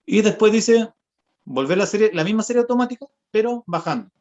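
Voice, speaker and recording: A man's voice: sits high, lively intonation, a little fast, darkish tone. A young man, a voice therapist and singer, patiently explaining vocal exercises step by step in an online lesson. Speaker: voice therapist and singer giving a workshop. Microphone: video call. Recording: dull lo-fi video call audio.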